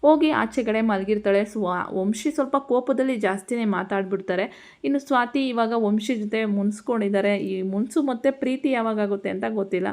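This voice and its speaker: A woman's voice: mid-range voice, darkish tone. Chatty woman retelling a TV serial. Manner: chatty, rapid-fire retelling. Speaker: narrator recapping a TV serial. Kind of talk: casual storytelling recap.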